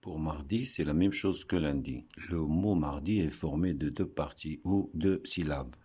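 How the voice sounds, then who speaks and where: A man giving a slow, deliberate lesson, breaking words into syllables and pausing often. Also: rumbling low, mellow, breathy edge. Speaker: teacher explaining word origins.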